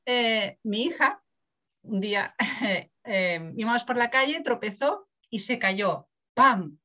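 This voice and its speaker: A woman's voice: a little high, takes it slowly. A middle-aged woman from Barcelona, an author telling stories in a casual interview and laughing often. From Barcelona, Spain. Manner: animated storyteller, acts out quotes, laughs often.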